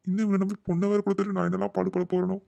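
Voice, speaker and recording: A man voicing a fussy, wary older father-in-law in a cartoon, questioning slowly and with puzzlement. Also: high-pitched, flat delivery, vocal fry, dark tone, no echo, soft background music. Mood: worried.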